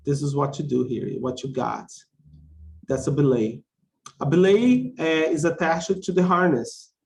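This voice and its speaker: Slow-paced male English teacher, higher-pitched voice. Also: darkish tone. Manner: repetitive, simplified phrasing for learners. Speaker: English teacher of a conversation class. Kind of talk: instructional lesson, explaining simply with check questions.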